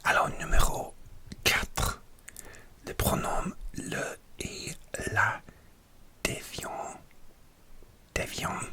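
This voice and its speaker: A male learner presents dialect rules in an ASMR-style whisper, going super slow and careful. His whisper has a very bright tone, and he trips and hesitates over unfamiliar words.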